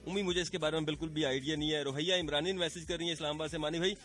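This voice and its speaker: A man's voice: fairly high pitch, fairly even intonation, very fast, a bit bright. A man with a Pakistani accent hosting late-night radio, playfully reading listener messages, his throat slightly sore. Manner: chatty, playful, teasing. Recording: radio broadcast with faint music bed.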